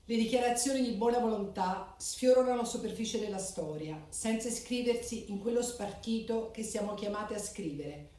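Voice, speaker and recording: A woman delivers a formal speech in short, measured, declamatory phrases. Her voice sits at an ordinary middle pitch and is picked up from a distance, so it rings out with heavy hall reverb. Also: warm tone. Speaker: speaker at a club charter ceremony. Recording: echoey hall, voice from far off.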